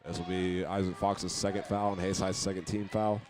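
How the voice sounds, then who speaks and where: Fairly quick and flat, his voice a little mellow, an American man calls a live basketball game on radio from a high school gym as the play-by-play announcer. The gym ambience and ball bounces are clearly heard.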